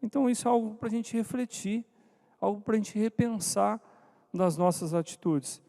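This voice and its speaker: At moderate pace, a man with a high, warm, creaky voice leads a church talk for couples. He engages the audience with questions and names people directly, all captured with long hall reverb.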